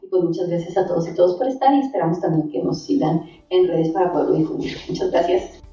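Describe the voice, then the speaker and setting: Female researcher, warm dark tone, conversational seminar speech, heavy room echo. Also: fairly low pitch, lively intonation, quick pace, lo-fi sound, soft background music. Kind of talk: conversational academic discussion. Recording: very echoey room.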